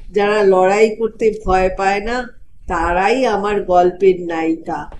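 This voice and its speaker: Woman narrator, story recitation, gentle and expressive, mid pitch, faint background hiss. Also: rough recording. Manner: gentle expressive reading, softly voicing the girl's and mother's lines. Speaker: narrator reading a short story.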